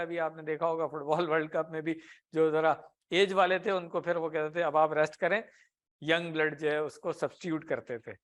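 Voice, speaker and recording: A man with a high, slightly bright voice teaches Arabic grammar in a classroom lecture delivered in Urdu. He explains patiently using everyday examples, asks the class questions, and often ends his points with a tag question.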